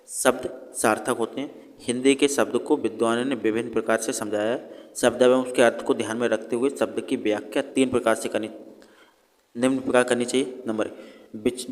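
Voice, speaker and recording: In a large hall, a man with a mid-range voice teaches an exam revision lesson. He explains things by posing questions and then answering them himself.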